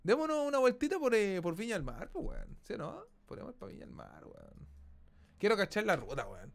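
Excitable Chilean man, lively voice. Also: high voice, a little fast, vocal fry. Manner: excitable, exclaiming and swearing casually. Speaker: streamer. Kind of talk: live gameplay commentary.

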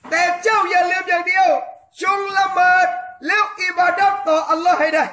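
A man shouts a fervent sermon in a very high, bright, forceful voice. He calls out to the crowd as brothers and sisters through a loudspeaker, and the sound rings around an echoey room. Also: steady tone, fairly quick. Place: hall on a small island.

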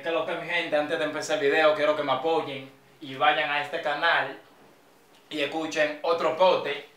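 A young man with a Dominican accent chats to his viewers in rowdy, joking slang. His voice is bright and a little high. The echoey room and distant mic make it sound roomy. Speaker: vlogger. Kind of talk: casual street-slang vlog.

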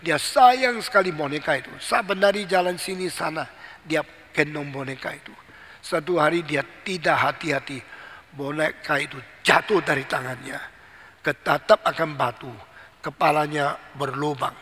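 A man's voice: a little high, normal speed, pushed and bright. A man preaching a sermon as pastor, emphatic and repetitive, asking rhetorical questions. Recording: long hall reverb.

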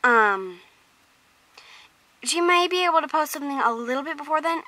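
A bookish cartoon pony girl, as a young woman voices her, high and loud, rambling through her news with lots of ums. The sound is dry and close-miked. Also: animated, moderate pace, dry recording. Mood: chatty.

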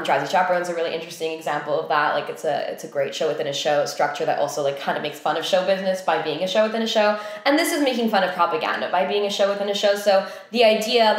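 Lots of fillers mark this casual, think-aloud talk from a young woman who co-founded a theatre company and directs there. Her pitch is fairly low and her tone fairly bright, and the room echoes strongly.

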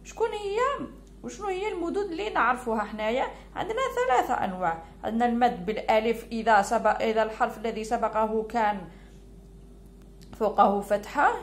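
Algerian teacher woman, gravelly and high. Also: lively intonation, a little hiss or hum. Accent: Algerian Arabic. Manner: drawls out key words slowly and clearly. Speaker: primary school teacher. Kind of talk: lesson walkthrough for pupils.

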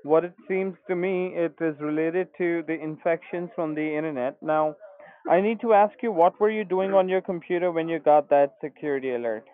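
A man's voice: fairly high pitch, moderate pace. A man working as a call center tech support agent, formal and polite, speaking over a phone line. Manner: formal, polite, addresses caller as sir. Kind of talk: scripted phone customer service, Indian call center manner. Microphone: telephone call. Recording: muffled narrow phone line.

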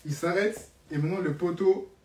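A young man telling a story on a live stream in an animated, dramatic way, repeating phrases for emphasis. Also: sits high, moderate pace. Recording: roomy, distant from the mic.

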